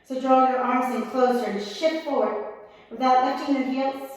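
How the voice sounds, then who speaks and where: A woman teaching a yoga class, giving calm, encouraging cues with slightly strained breath as she holds the poses herself. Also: high-pitched, normal speed, heavy reverb, big-room sound, far from the mic, poor audio. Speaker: yoga instructor. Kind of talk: guided yoga class instruction.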